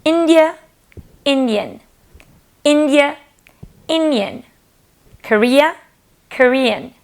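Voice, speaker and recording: A woman teaching an English lesson, speaking slowly and clearly and repeating words for learners to copy. She is from Romania. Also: sits high, animated.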